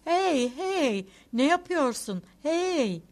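A woman voicing an irritable middle-aged male traveler who shouts and scolds his coachman. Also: mid-range voice, very animated, slow pace. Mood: scolding shout.

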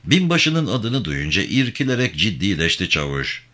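A man narrating a novel as an audiobook, with measured storytelling and vivid emphasis. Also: lowish voice, sing-song, bright, forceful tone.

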